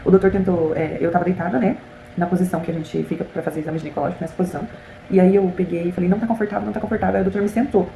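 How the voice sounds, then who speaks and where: Fast-talking Brazilian woman vlogger. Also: on the low side. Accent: Brazilian Portuguese. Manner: animated, chatty, frequent "gente" and "né" asides. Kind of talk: casual storytelling to viewers. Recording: echoey room with faint hiss.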